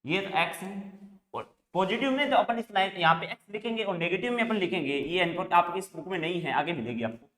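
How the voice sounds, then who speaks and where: A man's voice: high-pitched, animated, quick pace, fairly bright tone. A male teacher giving a math lesson, asking questions and answering them himself over and over. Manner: repetitive call-and-response questioning. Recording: echoey room.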